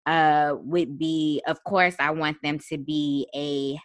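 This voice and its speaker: Woman in her thirties, podcast host, low-pitched, dry sound, relaxed chatty talk. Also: slow pace, no room sound. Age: 30s. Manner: relaxed, chatty, frequent ums. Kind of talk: casual podcast chat.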